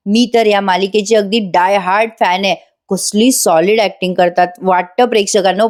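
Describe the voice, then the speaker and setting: A woman with a mid-range, somewhat dark voice reviews a TV serial, giving a chatty voice-over recap of an episode. She talks directly to her viewers throughout.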